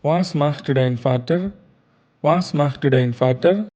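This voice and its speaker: A man teaching a beginner German lesson, reading a short dialogue and saying every line twice, slowly and carefully, for learners. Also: fairly high pitch, a little mellow, lo-fi sound. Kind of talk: slow repeated lesson dialogue.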